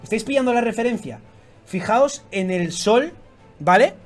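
Man, high voice, excitable, foul-mouthed, shouty reaction commentary. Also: normal speed, soft background music. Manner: excitable, swears constantly, bursts into shouts. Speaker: YouTube manga reactor.

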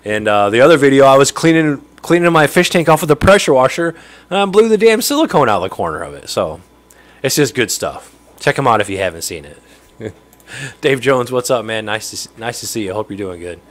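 Talking into a studio mic on a stand right in front of him, a man in his thirties hosts a casual stream from his aquarium-lined fishroom at home. His medium-pitched voice is sing-song and fairly quick, a bit nasal since he's still recovering from a cold. He's chatty, laughs frequently, and greets viewers by name.

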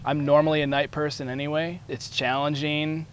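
A man's voice: a little high, level tone, normal speed. A man, a paddle boarder, chatting casually about his experience. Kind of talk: casual chat on location. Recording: faint outdoor ambient noise.

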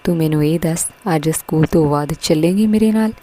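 A woman's voice: deep voice, a little fast, mellow. A woman voicing a headstrong, snappish teenage schoolgirl in a story. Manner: snappish, dismissive.

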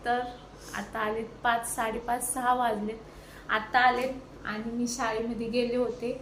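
A woman's voice: fairly high pitch, reverberant. Chatty woman vlogging over traffic noise. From India. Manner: chatty, addresses viewers directly, haggles loudly. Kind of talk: casual vlog chat. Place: home terrace, then a furniture shop. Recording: noisy phone recording with traffic.

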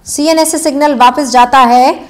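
A woman's voice: sits high, fairly even intonation, moderate pace. A young Indian woman giving a live biology lecture, mixing English terms into Hindi, calling students "beta" and quizzing them by repeating key answers. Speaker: biology teacher. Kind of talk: live online exam-prep lecture.

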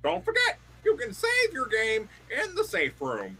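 A man's voice: very high voice, huge pitch swings, a little slow, creaky, pushed and bright, soft background music, pitched above the performer's own voice, heavily acted, low-quality recording. A young man voicing a breezy male pizzeria manager, cheerfully reading game dialogue aloud.

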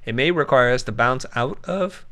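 A man hosting a casual livestream chat on a video call, jokey and quick to laugh. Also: mid-range voice, lively intonation, fairly bright tone. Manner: jokey, laughs often, slips into whispers. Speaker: host.

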